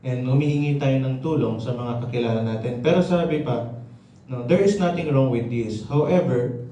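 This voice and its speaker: A man with a warm, mid-range voice, slightly out of breath, preaches a conversational sermon in a church hall, checking in often with the congregation. The recording is very echoey and taken from a distance.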